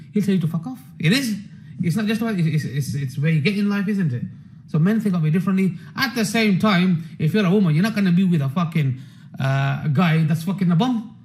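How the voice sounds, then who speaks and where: Brash male trading streamer, slightly high voice, profane and rambling, combative asides. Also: a little mellow, poor audio. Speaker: trading educator. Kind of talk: unscripted live market session.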